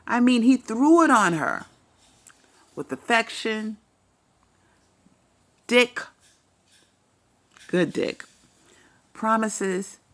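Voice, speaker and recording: Blunt slow-talking woman gossip vlogger. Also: fairly high pitch, very animated, a bit bright. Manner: blunt, opinionated, profane. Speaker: commentary vlogger. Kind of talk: casual celebrity gossip commentary.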